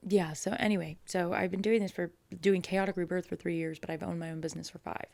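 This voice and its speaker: A woman's voice: lowish voice, creaky, darkish tone, dry recording. A young woman hosting her own podcast, chatting casually and rambling with lots of fillers, getting emotional at times. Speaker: podcast host. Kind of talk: casual solo podcast chat.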